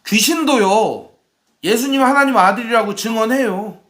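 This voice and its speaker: High, bright-voiced male pastor preaching. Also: normal speed, echoey room. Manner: asks the congregation questions and acts out quoted shouts. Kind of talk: sermon. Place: church.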